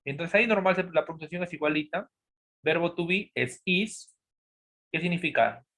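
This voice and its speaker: A man teaching a grammar lesson. He poses students' questions aloud, answers them himself, and repeats key words slowly. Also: fairly high pitch, a bit bright. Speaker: English teacher. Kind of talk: classroom-style lesson explanation.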